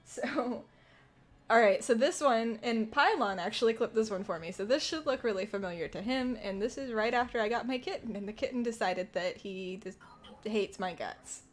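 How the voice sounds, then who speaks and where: A woman hosting her own stream from a desk at home, chatting casually, excitable and giggly, swearing freely. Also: a little high, normal speed. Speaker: streamer host.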